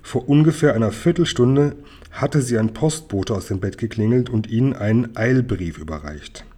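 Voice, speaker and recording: Brief: male audiobook narrator for a children's story, mellow and lively. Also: medium pitch, moderate pace. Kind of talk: scripted children's book narration.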